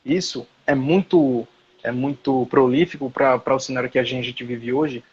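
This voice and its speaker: A man's voice: medium pitch, normal speed, breathy edge, muffled recording. A man, lecturing as a professor in a live online class and searching for words aloud as he explains.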